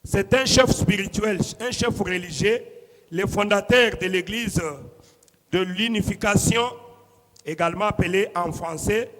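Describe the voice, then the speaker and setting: A man preaching a sermon as pastor, swinging between loud emphatic cries and quiet murmured asides. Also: high-pitched, unhurried. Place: church. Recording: long reverb of a large hall.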